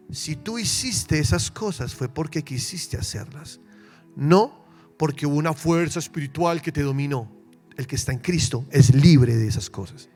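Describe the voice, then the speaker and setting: A Colombian man preaching a sermon as pastor, emphatic, acting out the excuses of his congregants. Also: on the high side.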